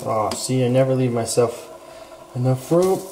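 Chatty young man vlogging over loud noise. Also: medium pitch, moderate pace. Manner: chatty, self-correcting, matter-of-fact. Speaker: fitness vlogger and coach. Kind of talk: casual vlog narration to camera. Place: car, home and gym. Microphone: handheld camera close to face.

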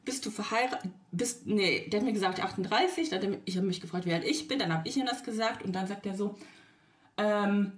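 A woman chats straight to her viewers in a casual storytime vlog, her voice sitting at an ordinary middle pitch. She replays a text conversation line by line, flipping between what she said and what he said, and breaks off into exasperated asides that sometimes sink to a near whisper. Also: a little fast. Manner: lively retelling, quotes text chats back and forth. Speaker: vlogger.

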